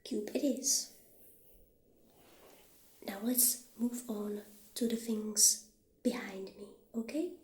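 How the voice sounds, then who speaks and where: A mid-range female voice, soft and breathy and often near a whisper, gently voices a friendly witch shopkeeper displaying potion ingredients for an ASMR roleplay. Her pacing is unhurried and halting. The sound carries a roomy echo over faint background noise.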